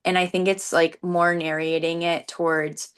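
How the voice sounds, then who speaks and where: A woman's voice: on the low side, level tone, moderate pace, clear, resonant tone. A young woman runner talking earnestly in a casual interview, peppering her sentences with "like". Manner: earnest, frequent "like" as filler. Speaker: competitive runner being interviewed.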